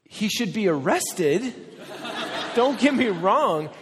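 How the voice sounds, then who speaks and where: A man in his forties, a pastor, preaching a sermon and telling personal stories in an animated, self-deprecating way. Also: sits high, slow pace, background noise. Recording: hall with long reverb.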